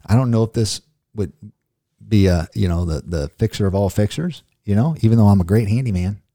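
A man's voice: lowish voice, expressive, a little fast, mellow, no room sound, clean studio sound. A middle-aged man hosting a podcast in casual chat, rambling and joking off on tangents. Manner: rambling, jokey, goes off on tangents. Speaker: podcast host.

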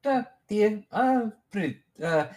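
A woman acting as game master of a tabletop game, narrating in a relaxed way, often laughing and restarting her sentences. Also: mid-range voice, takes it slowly.

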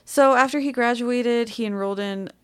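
A woman's voice: a little high, moderate pace, clear, resonant tone. A young woman co-hosting a podcast, telling a true-crime story in a casual, chatty way, full of fillers. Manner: chatty, filler-heavy, laughs easily. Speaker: podcast co-host.

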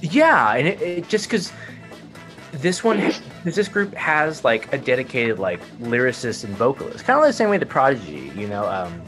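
A man with a Texan accent rambles through a casual podcast chat at a middling pitch, stopping often and starting his sentences over. Faint music plays behind him. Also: big pitch swings, moderate pace, a bit bright. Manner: rambling, many fillers and restarts. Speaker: podcast co-host.

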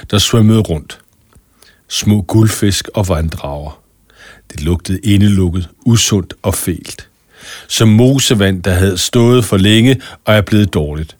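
Guy reading a kids story, low voice, super dry close sound. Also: dry recording. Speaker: narrator. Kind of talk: scripted storybook narration.

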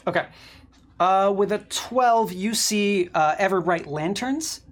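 A woman's voice: mid-range voice, expressive, slow pace. A woman game master improvising narration for a tabletop role-playing game.

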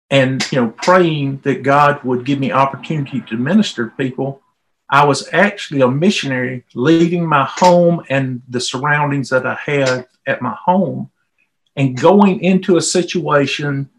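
A middle-aged man with a Southern US accent, his medium-pitched voice captured on a rough recording, appears as a volunteer interview guest. He tells personal stories in a folksy, conversational manner.

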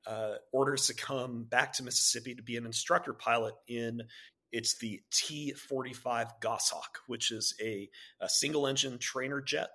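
Husky, medium-pitched and at a normal speed, this man in his thirties chats as an interview guest about his background as a Navy pilot from Maryland and Virginia. His laid-back telling is peppered with fillers and false starts.

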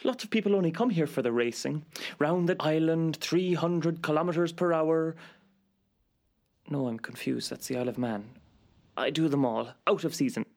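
An actor playing a lewd island host who talks in a sly, suggestive way and drops into whispers. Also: male voice, a little high, moderate pace, a little mellow, lightly acted.

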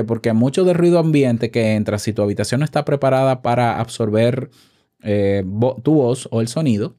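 A man's voice: mid-range voice, warm tone. A man hosting a podcast from a room at home, giving casual tips close to the mic and asking the listener questions. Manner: chatty, asks the listener questions. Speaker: podcast host. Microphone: shotgun mic held close.

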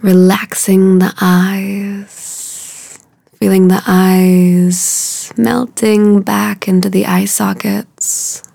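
In a quiet, calming voice, a woman guides a meditation, speaking very slowly and evenly with almost no change in pitch. Her phrases fade gently into breath, her tone carries a gravelly fry, and the audio sounds close, unhurried, and free of echo.

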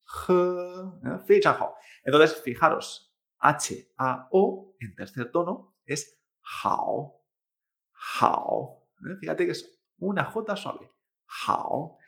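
A man's voice: fairly high pitch, animated, takes it slowly, vocal fry, a bit bright. A man, a Chinese teacher, giving a pronunciation lesson, drawing out model syllables and checking in with "¿eh?". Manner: addresses the listener directly, prompting repetition.

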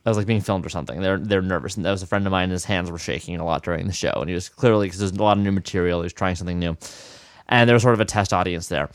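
Man with a low voice, animated storytelling. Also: racing, dry recording, studio quality. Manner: animated storytelling, frequent restarts. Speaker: podcast co-host. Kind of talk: casual chat.

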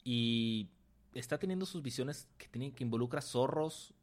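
A man's voice: medium pitch, animated, moderate pace. Man with dry quips. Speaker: podcast co-host. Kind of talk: casual comic-book chat.

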